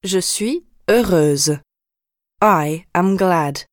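A woman reading model sentences for a language drill, each one slowly and clearly spaced. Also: fairly low pitch, dry recording, clean studio sound. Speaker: reader of example sentences.

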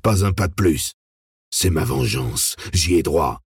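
A man's voice: a bass voice, lively intonation, a little slow, husky, dry recording, clean studio sound, full character voice. A man reading an audiobook, voicing a growling, menacing male hybrid creature bent on revenge. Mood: vengeful.

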